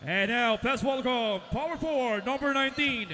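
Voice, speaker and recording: High-pitched shouting male arena hype announcer. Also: slight background noise. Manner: shouted, drawn-out names. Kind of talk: hype starting-lineup announcing, like a fighting game announcer. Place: large indoor sports arena. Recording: echoey arena PA with music.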